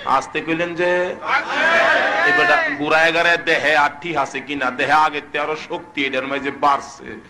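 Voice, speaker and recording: Fiery high-voiced preacher. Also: male voice, steady tone, moderate pace, very noisy. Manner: fiery, chanting, asks the crowd questions; shouts sung climaxes, drops to soft storytelling. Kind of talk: Bengali waz sermon.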